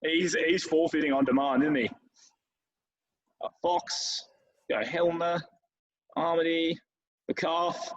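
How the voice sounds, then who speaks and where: A man's voice: on the high side, steady tone, takes it slowly, pauses often, lo-fi sound. A man hosting a casual podcast quiz, reading out questions and teasing his co-hosts. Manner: playful, teasing, reads questions aloud. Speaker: quiz host.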